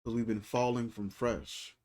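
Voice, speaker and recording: Speaking slowly in a steady, slightly mellow mid-range voice, a faith channel host in his thirties offers a reflective talk. His style is loose and colloquial, and he tends to repeat phrases.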